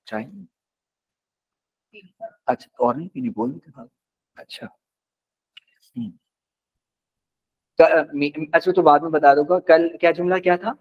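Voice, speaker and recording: A man with a somewhat high voice leads a classroom lesson as the teacher. He is patient and stretches words out slowly so his students can repeat them. The recording sounds dull and lo-fi. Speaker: language teacher.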